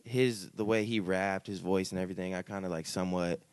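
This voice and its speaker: A young man from the Raleigh area speaks with a lowish voice in a laid-back, meandering way, full of fillers. The sound is dry and close to the mic, typical of a podcast studio. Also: steady tone, brisk, smooth, no room sound. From Raleigh area, North Carolina. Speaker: rapper guest. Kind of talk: casual interview chat.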